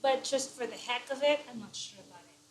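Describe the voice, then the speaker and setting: A woman's voice: sits high, fast talker. A woman from the Philippines, co-hosting a casual live stream, chatty and hesitant with fillers. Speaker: co-host. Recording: echoey room.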